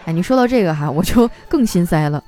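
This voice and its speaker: A woman's voice: lowish voice, animated, quick pace, mellow, soft background music. A woman radio host reading out listener jokes in a playful, chatty way. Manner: playful, chatty, mimics voices for quoted people. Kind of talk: casual comic storytelling.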